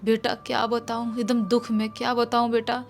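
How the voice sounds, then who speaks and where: A woman's voice: a little high, monotone, moderate pace, creaky. Woman as a worried, pleading mother. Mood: anxious. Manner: pleading, anxious. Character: worried single mother of a sick boy.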